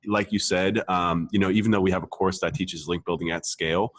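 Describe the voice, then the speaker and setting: A marketer hosts a podcast in a deep, steady voice, speaking a little fast in a dry recording. His casual advice is emphatic and repetitive, stressing points again and again, with casual swearing and frequent check-ins with the listener.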